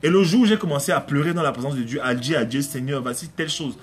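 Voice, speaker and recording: A man preaching in an informal, streamed style, his voice sitting a touch high for a man. He repeats phrases for emphasis and slips into acted-out prayers and exchanges, talking as if to one listener. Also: lively intonation, rapid-fire. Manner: emphatic, repetitive, acts out prayers and dialogues. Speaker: pastor. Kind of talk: conversational live-streamed sermon.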